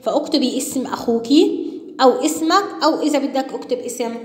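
A woman's voice: sits high, fast talker. A woman teacher, patiently walking young pupils through exercises step by step and putting questions to them. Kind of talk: recorded classroom lesson for children. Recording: echoey room with long reverb.

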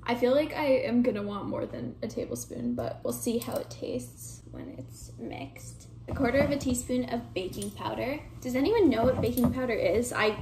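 A woman's voice: a little high, moderate pace, noisy background. A woman chatting casually in a home vlog, playful and self-deprecating as she talks through her day. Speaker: vlogger. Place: at home, bedroom and kitchen.

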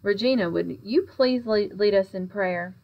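A woman's voice: medium pitch, normal speed, natural voice. A woman doing a prim, scolding mother. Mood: huffy. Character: stern, proper mother, easily huffy. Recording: slightly dull audiobook recording.

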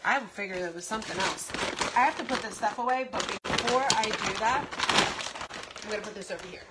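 A rambling woman vlogs in a home kitchen, filmed on a phone held close. She talks at an ordinary mid pitch, full of ums and repeated phrases. The recording carries a clear layer of background noise. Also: brisk. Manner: chatty, rambling, with frequent ums and self-repeats. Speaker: vlogger. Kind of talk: casual grocery haul vlog. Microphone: phone camera at arm's length.

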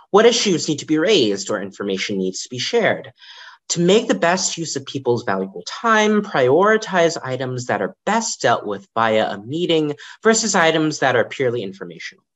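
Young man with a lively, varied delivery. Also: mid-range voice. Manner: lively, varied intonation, occasional ums. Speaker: librarian giving a conference talk. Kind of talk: prepared lightning talk presentation.

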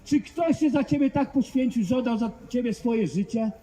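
This is open-air evangelistic preaching: a street preacher outdoors on a public street, fervently and emphatically urging passers-by and pressing his points with rhetorical questions. His voice is very high-pitched and warm, at a moderate pace. The audio is poor, with a little hiss or hum.

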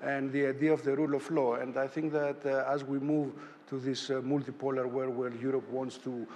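A male panelist speaks haltingly, pausing on fillers between his points. His voice rings with a long hall reverb, over faint background ambience. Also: mid-range voice, little pitch movement, a little mellow, a little hiss or hum. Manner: hesitant, with many fillers. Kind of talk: panel discussion.

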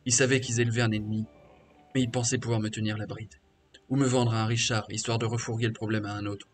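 A man's voice: fairly low pitch, little pitch movement, fast talker, natural voice. A man reading a scornful half-orc ex-slave. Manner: crude, scornful, boastful. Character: bitter defiant male half-orc ex-slave warrior mage. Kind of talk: reading game dialogue aloud.

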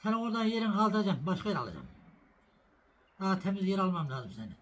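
In a relaxed cooking and farm vlog, a middle-aged host with a high, sing-song voice talks at a quick pace. He makes a sandwich on camera and then calls out to coax an animal.

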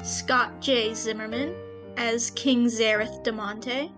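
Over background music, a young adult woman speaks slowly with a fairly high, steady tone. She co-created the podcast she co-hosts, and here she engages in light banter with mock-dramatic jokes plus a thank-you message.

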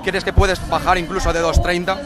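A man working as a reporter, putting direct, brisk questions to an athlete. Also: high-pitched, flat delivery. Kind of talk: quick interview questions. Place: outdoors at a race finish area. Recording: outdoor crowd noise and music. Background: crowd and music.

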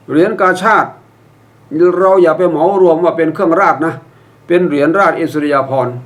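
An older man gives a patient instructional talk, walking listeners through each step. His voice sits a little high for a man. He drops in wry mock examples and keeps a courteous, measured tone. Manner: polite, ends phrases with a courteous particle. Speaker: public speaking instructor.

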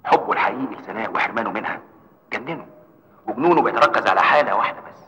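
A man's voice: lowish voice, expressive, rapid-fire, sharp tone, low-quality recording. An actor playing a grave, clinical man in an Egyptian film drama, explaining in Egyptian Arabic. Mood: grave, explanatory.

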